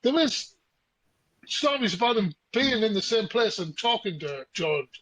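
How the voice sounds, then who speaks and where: Chatty storytelling man, high-pitched. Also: very animated, measured pace, a bit bright, slightly rough, no echo, poor audio. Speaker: podcast co-host. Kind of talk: casual chat.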